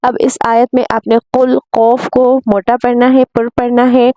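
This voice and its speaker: A woman's voice: fairly high pitch, level tone, normal speed, dark tone, no room sound. A woman teaching Quran recitation rules, patiently spelling out letters and vowel marks and drawing out the recited syllables. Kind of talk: tajweed lesson.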